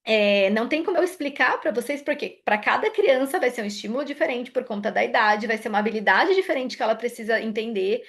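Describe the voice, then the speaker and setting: Brazilian female psychologist, higher-pitched voice, conversational live explainer. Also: animated, fast, hardly any pauses. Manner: explanatory, acts out parent and child dialogues; frequent "né?" and "tá?" tag questions. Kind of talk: live parenting talk.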